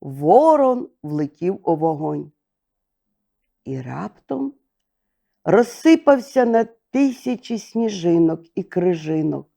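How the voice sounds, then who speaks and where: Slow gravelly older woman storyteller. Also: on the low side. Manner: slow, expressive, gentle reading. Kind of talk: bedtime fairy-tale narration.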